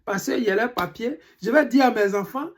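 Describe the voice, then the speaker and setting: Living in Europe, this Ivorian political commentator addresses followers with outrage and emphasis, his Ivorian French accent clear as he presses questions over and over. He speaks a little fast in a mid-range voice.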